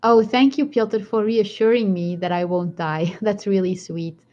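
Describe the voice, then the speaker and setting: A woman with a strong Belgian accent rambles casually on a live stream, laughing often as she responds to viewer comments. Her mid-range voice is warm, unhurried and fairly even in intonation, and the stream audio is dull and lo-fi.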